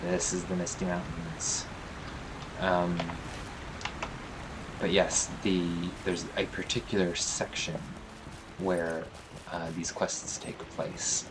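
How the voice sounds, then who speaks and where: A man's voice: sits low, flat delivery, takes it slowly, pauses often, background noise. A man hosting a let's play, casually commentating his game and thinking aloud with frequent fillers.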